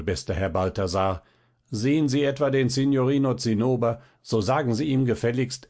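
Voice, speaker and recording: A man's voice: mid-range voice, a little mellow, lightly acted. A man voicing a proud, hot-tempered violinist who bursts out in theatrical indignation.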